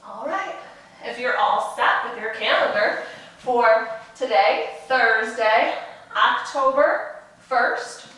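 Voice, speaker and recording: A woman's voice: fairly high pitch, slow, sharp tone. A woman teaching young children in a kindergarten teacher voice, speaking in simple, encouraging phrases for a virtual lesson. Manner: encouraging, with frequent praise and prompts. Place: echoey indoor room, away from mic. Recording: very echoey room, distant mic.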